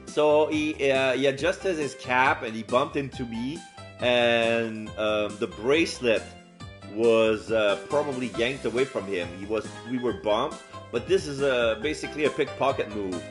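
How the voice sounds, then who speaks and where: A man doing casual let's play narration, describing game scenes aloud in a halting way. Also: medium pitch, over music. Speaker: game streamer and voice-over player.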